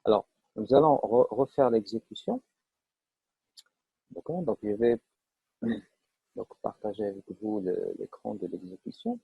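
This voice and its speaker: A man's voice: on the low side, very animated, measured pace, vocal fry, long pauses, slightly rough, no echo. A man teaching a live online programming class, explaining step by step with frequent fillers and checks that students follow. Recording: dull lo-fi online class audio.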